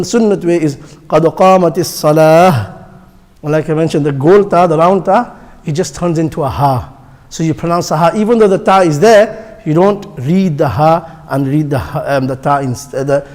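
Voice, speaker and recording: Guy with a pretty high voice teaching a class, patient, says everything twice, long echo in a big hall. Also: normal speed, a little mellow. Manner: patient, repeats each point and demonstrates pronunciation. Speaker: instructor teaching the call to prayer. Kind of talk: classroom instruction. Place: mosque hall.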